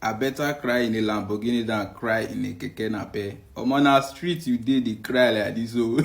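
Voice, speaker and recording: A man's voice: on the low side, steady tone, moderate pace, gravelly, a little hiss or hum. A man giving laughing, mocking commentary in pidgin. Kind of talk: reaction commentary.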